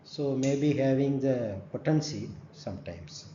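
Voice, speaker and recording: A man giving a recorded lecture, explaining step by step, often checking with "right?" and pausing on fillers. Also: mid-range voice, animated, mellow. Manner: many "uh" fillers. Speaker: forensic medicine lecturer. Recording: dull echoey room recording, faint hum.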